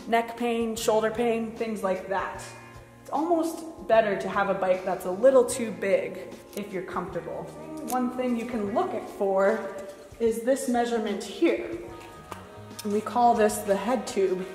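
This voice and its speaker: A young woman giving a plain-spoken, instructional walk-through tour, her voice carrying an empty warehouse echo. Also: on the high side. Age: young adult. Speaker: bike shop tour guide. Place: large indoor warehouse. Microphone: clip-on chest mic. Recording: roomy empty warehouse echo, long reverb.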